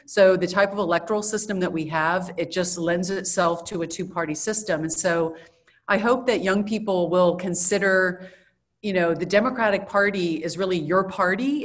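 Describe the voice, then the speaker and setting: Woman professor on a podcast, earnest and encouraging, fairly low voice. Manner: earnest, encouraging, slow and deliberate at times. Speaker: guest professor. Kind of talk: podcast interview.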